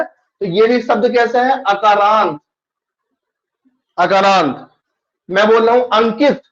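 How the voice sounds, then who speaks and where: A man's voice: high-pitched, highs cut off. A male teacher taking an online class, patiently explaining and repeating questions to his students.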